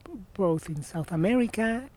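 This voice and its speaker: Here an Argentine man in his sixties, high-voiced and at a moderate pace, recounts stories as an interview guest outside near a marina. The conversation is casual and he's animated, frequently breaking off to restart phrases, with a slight hiss or hum in the background.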